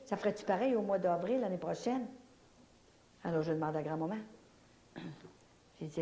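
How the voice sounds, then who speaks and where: A woman's voice: on the low side, dark tone. A woman with a Québécois accent giving a religious testimony at a church prayer evening, telling her story vividly and acting out the dialogue. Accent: Québécois French.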